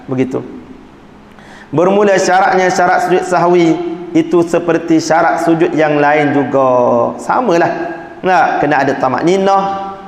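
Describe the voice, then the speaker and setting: A man gives a religious book lesson in a mosque, his voice sitting fairly high for a man. He talks conversationally and keeps turning to his listeners with quick check-ins. The hall around him rings with a long, roomy reverb. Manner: conversational teaching, fillers like "nah", "ha", "tak?". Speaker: religious teacher.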